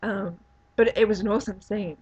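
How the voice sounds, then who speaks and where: A woman's voice: medium pitch, steady tone, moderate pace, darkish tone, husky, no echo, highs cut off. A woman giving a casual spoken review of a film and show, rambling and searching for words. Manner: rambling, many fillers and restarts. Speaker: movie reviewer.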